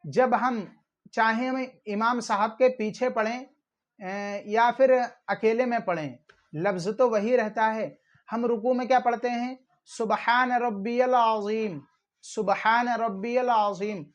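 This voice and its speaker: A man giving a religious instruction talk to online viewers, speaking in an earnest, fatherly way with drawn-out fillers. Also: very high voice, steady tone. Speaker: religious video host. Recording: slightly dull lo-fi audio.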